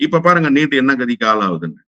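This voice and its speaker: A man's voice: mid-range voice, sing-song, quick pace, sharp tone, no echo, dull audio. A man speaking as a political guest in a heated interview, combative and firing rhetorical questions.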